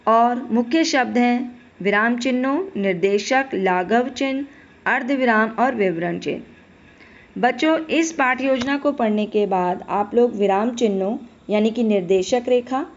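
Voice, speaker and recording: A woman's voice: on the high side, dull audio. Patient woman teaching a children's class. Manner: patient, addresses children directly, asks then answers. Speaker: primary school Hindi teacher. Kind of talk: classroom lesson explanation.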